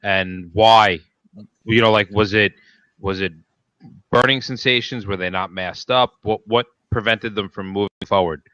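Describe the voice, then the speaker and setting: A man's voice: fairly low pitch, unhurried, bright, forceful tone, no echo, lo-fi sound. A man co-hosting a podcast, talking casually through an incident as a responder.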